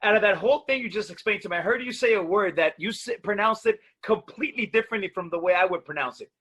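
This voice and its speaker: A man's voice: sits high, fast, a bit bright, slightly rough. A man co-hosting a casual podcast, playful and teasing, calling people dude. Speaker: podcast co-host.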